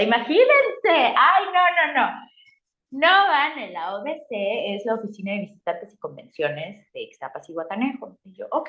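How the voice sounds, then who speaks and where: A middle-aged woman with a Mexican accent tells her career story in a casual interview and acts out her own past reactions with lively voices. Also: mid-range voice. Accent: Mexican Spanish. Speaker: guest. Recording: roomy, slightly dull sound.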